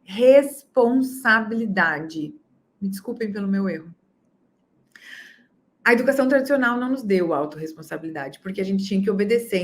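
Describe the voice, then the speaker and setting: High voiced woman giving a parenting class, lively, acts out what parents say. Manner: earnest, direct address to listeners. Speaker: parenting educator. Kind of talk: online course talk.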